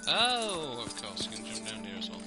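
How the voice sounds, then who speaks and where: Man streaming over loud game music. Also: medium pitch, huge pitch swings, moderate pace. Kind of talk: casual playthrough commentary.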